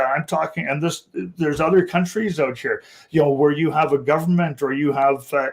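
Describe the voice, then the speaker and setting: Man, middle pitch, rambling, heavy "uh" fillers, panel guest. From Canada. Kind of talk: casual panel talk.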